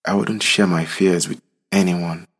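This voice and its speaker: A man, from Nigeria, telling his own story in slow, solemn, reflective narration. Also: low voice, fairly even intonation, slightly rough. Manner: slow, solemn, deliberate delivery.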